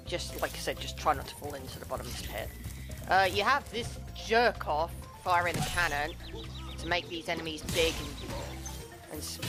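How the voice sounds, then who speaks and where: A woman talks her way through a video game in a relaxed, rambling manner. She trips over her words, corrects herself and fills the gaps with ums. Her voice sits a little low for a woman, and game music plays behind her. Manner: chatty, rambling, many fillers and self-corrections. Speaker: game playthrough host. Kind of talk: casual gameplay commentary.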